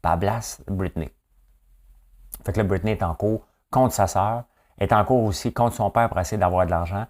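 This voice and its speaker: A man's voice: lowish voice, moderate pace, darkish tone. A man with a Québécois accent hosting a casual news commentary, blunt and opinionated with a joking edge. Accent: Québécois French. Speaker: host of a daily news chat.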